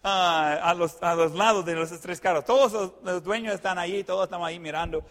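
A man telling a personal anecdote in a lively way, adding sound effects and fillers. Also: high-pitched, fairly quick. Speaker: storyteller. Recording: long hall reverb.

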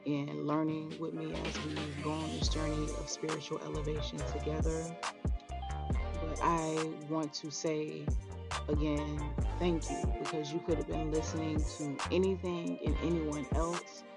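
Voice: mid-range voice, little pitch movement, unhurried, vocal fry, over loud music. A podcast host in their thirties giving an earnest, emphatic motivational spiritual talk straight to listeners. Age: 30s.

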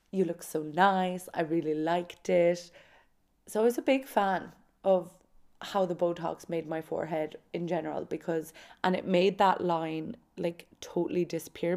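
A young woman with a southwest Irish Kerry accent speaks in a chatty, confiding way. Her voice sits a little low, with plenty of vocal fry and a soft, mellow tone. It sounds like a casual solo podcast. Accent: Irish, from County Kerry in the southwest. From County Kerry, Ireland. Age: 20s. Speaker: podcast host. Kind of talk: casual solo chat, personal storytelling.

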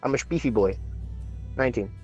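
A man playing a tabletop game, excitable and swearing freely. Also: mid-range voice, brisk, slightly rough, no echo, faint music behind. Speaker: player. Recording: dull lo-fi audio.

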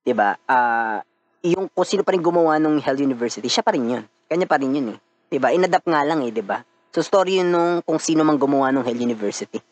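A man's voice: medium pitch, expressive, quick pace. A man with a Filipino accent hosting a podcast in casual chat, a bit stuffy from a cold, laughing often and mixing in English. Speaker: podcast host.

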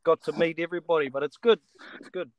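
A man's voice: a little high, steady tone, fast talker, highs cut off. A man with a New Zealand accent chatting casually as a guest, laid-back and matey, often repeating his phrases. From Taranaki, New Zealand. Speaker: guest, rugby player. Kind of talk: casual chat.

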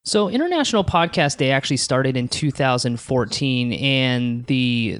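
Being interviewed about his podcast, a co-host answers earnestly and upbeat, often starting his sentences over. His voice is mid-range and the recording is dry.

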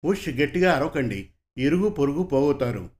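A man voicing a calm, protective middle-aged passer-by who gives steady warnings, in an audio serial story. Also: a little high, normal speed, lightly acted. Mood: cautioning. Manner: steady, cautioning.

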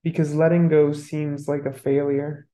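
A meditation guide talks listeners through a session in a calm, mellow voice. The delivery is very slow and hardly rises or falls, with long pauses between phrases. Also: mid-range voice.

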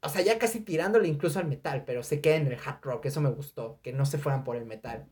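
Mexican accent, young adult, casual podcast reviewer, slangy and profane, mid-pitched. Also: fast. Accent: Mexican Spanish. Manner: animated, slangy and profane, imitates sounds. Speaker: music reviewer.

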